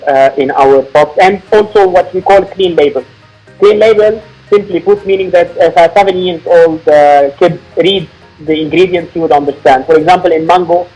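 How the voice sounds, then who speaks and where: Male founder from Lebanon, somewhat high voice, measured podcast explainer, soft music bed. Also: rough recording. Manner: explanatory, measured, frequent fillers. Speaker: founder and CEO guest. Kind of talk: podcast interview.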